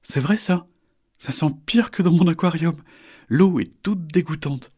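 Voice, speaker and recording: A man's voice: fairly high pitch, unhurried, darkish tone, slightly rough, voice pushed up. A man doing a naive, chirpy young turtle. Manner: naive and bouncy.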